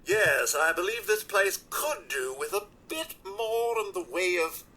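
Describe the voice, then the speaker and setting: A man's voice: high-pitched, lively intonation, measured pace, sharp tone, a little hiss or hum, heavily acted. An actor playing a polite, formal male robot butler in a video game, courteous and eager to serve.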